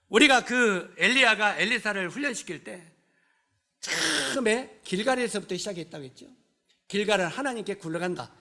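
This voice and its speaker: A male pastor delivers a sermon in a church, his voice pitched unusually high and swinging widely up and down. The tone is bright and forceful. He keeps throwing rhetorical questions at the congregation and mixes blunt scolding with humor. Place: church sanctuary.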